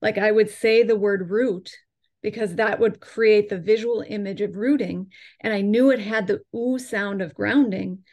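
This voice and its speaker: A woman's voice: medium pitch, steady tone, darkish tone. Woman teacher drawing out vowel sounds. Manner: slows to draw out and demonstrate vowel sounds; measured, instructive explaining. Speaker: chakra and yoga teacher. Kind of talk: explanatory interview talk.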